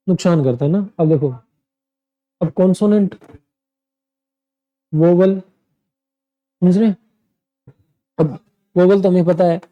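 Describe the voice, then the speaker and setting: A young man teaches a coaching lesson. His voice sits high, yet its tone is dark and mellow, and he explains each point plainly, repeats himself and keeps checking in with his students. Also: rough recording. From India. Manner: explanatory, repetitive, addresses students directly. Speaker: PTE exam coaching teacher. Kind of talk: classroom lesson explaining exam tasks.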